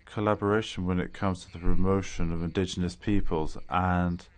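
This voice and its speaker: Deep-voiced man interpreting at a briefing. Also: steady tone. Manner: measured delivery with frequent hesitations and restarts. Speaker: conference interpreter. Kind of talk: simultaneous interpretation into English.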